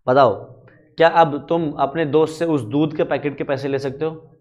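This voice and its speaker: Guy teaching a law class, bit high voice, chatty, lots of everyday examples, asks students stuff. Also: steady tone, darkish tone, highs cut off. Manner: reads English definitions slowly. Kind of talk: lecture.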